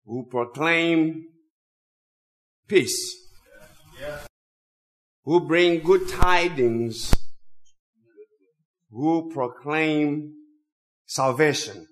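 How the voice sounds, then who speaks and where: The audio is poor as a slightly high-voiced man from Zimbabwe preaches a guest sermon through a cold. English is his second language, and he leans on slow, drawn-out phrasing to make his points.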